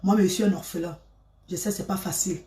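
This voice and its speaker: A woman voicing a calm, kindly male police officer who talks in a low, soft, consoling way. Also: fast, lightly acted. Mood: gentle. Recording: roomy, from a distance.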